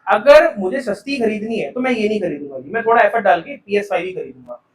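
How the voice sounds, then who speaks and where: A male teacher lectures a live commerce class in a high, bright-pitched voice, peppering students with questions and calling them "beta". He is caught from a distance by the camera, so his voice rings with the echo of the classroom. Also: animated, quick pace. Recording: echoey classroom from far off.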